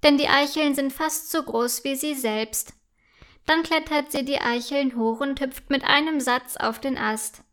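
A woman telling a children's story, gentle and clear. Her voice sits high and her reading is slow and careful, with clean, expressive phrasing made for young listeners. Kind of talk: scripted children's story narration.

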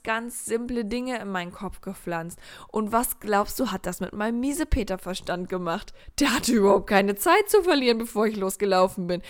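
A woman talks straight to the listener in a motivational monologue with a mid-pitched voice. She is animated and casual, fires off rhetorical questions and briefly acts out the voices in her head. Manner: acts out inner voices and quotes; casual slang. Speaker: motivational speaker.

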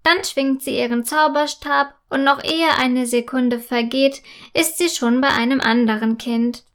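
A woman narrating a children's story in a calm, clear and gently expressive way. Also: sits high, measured pace.

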